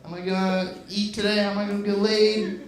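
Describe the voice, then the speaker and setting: A man's voice: sits high, quick pace. Young man doing stand-up in an echoey club. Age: 20s. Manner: deadpan self-mocking delivery with shouted bursts in acted asides. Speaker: stand-up comedian. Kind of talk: stand-up set. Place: comedy club with a laughing audience. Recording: echoey club with crowd laughter.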